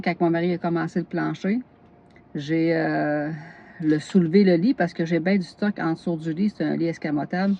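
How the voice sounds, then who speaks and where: A woman with a lowish, dark voice speaks in Québécois French, recorded with dull audio. She's a knitting vlogger from northern Gaspésie, Quebec, chatting casually while tired, laughing a lot and hopping from topic to topic.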